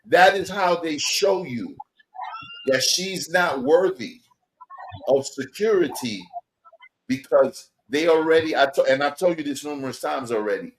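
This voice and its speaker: A man's voice: a little high, a little slow, rough recording. A man co-hosting a casual chat, emphatic and rambling, making sweeping claims.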